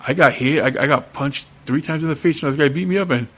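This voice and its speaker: A man's voice: fairly high pitch, fast talker, breathy edge. A man in casual podcast chat, a youth coach and counselor speaking bluntly, repeating himself and calling people man and dude. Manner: blunt, repetitive, says man and dude often.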